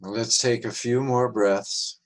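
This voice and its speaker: A man guiding a meditation, speaking softly and soothingly with long pauses. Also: mid-range voice, steady tone. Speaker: meditation guide. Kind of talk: guided meditation.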